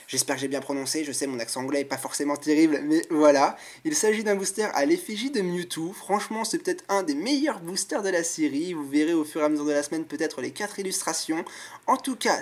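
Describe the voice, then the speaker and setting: Male host, casual unboxing chat, eager and talkative, commenting card by card. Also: a little high. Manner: chatty and enthusiastic, admiring each card aloud. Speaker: YouTube channel host.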